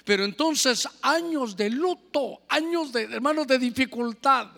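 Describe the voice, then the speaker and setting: High, bright-voiced preacher. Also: male voice, unhurried, gravelly, long reverb tail. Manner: impassioned preaching mixed with chatty asides to the congregation. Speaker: pastor. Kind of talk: sermon.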